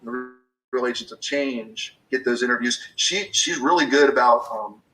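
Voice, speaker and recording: Man in his fifties, bright edgy tone, rambling with restarts, mic set back from him. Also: medium pitch, normal speed, far from the mic, rough recording. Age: 50s. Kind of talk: casual business chat.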